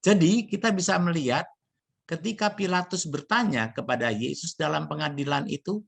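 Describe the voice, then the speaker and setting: Gravelly-voiced male priest preaching. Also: a little high, expressive, a bit bright. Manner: punctuates sentences with a short affirming "ya"; unhurried, explanatory preaching. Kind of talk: sermon reflection on scripture.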